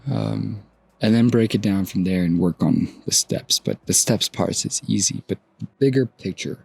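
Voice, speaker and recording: A man in his twenties hosting a solo podcast, talking through his feelings outdoors at sunrise in a soft, musing way that trails off and restarts. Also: lowish voice, normal speed, gravelly, husky, no echo. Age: 20s. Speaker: podcast host. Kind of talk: reflective solo podcast monologue.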